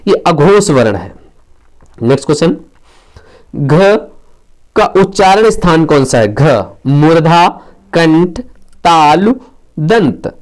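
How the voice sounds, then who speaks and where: A man with a high-pitched voice runs an exam-prep quiz on Hindi grammar. He reads out each question and its options, then gives the answer with a short explanation. He slips quiz phrases and numbers into his Hindi. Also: darkish tone. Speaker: Hindi teacher.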